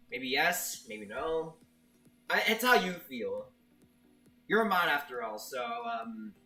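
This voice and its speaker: A man streaming a game and chatting casually with his viewers, his voice bright and a little higher than usual. He stammers and keeps restarting his sentences. He sits a bit back from the mic, with faint music playing behind him. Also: recorded from a distance. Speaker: streamer, level maker. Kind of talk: casual live-stream chat, reading viewer chat.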